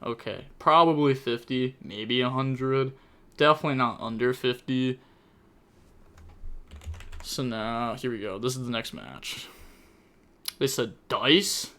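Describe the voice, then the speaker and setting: A man's voice: medium pitch, takes it slowly, pauses often, fairly bright tone. A young man casually commentating a card game tournament on a live stream, chatty and thinking aloud, repeating phrases and laughing often.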